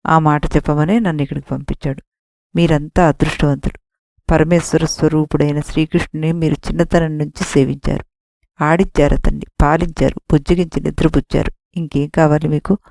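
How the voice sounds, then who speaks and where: Give me a calm, devout young messenger , as a woman narrator puts him on, consoling in a reverent, gravelly, mellow tone. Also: low-pitched, normal speed, no room sound. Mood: reassuring. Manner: soothing, reverent reassurance.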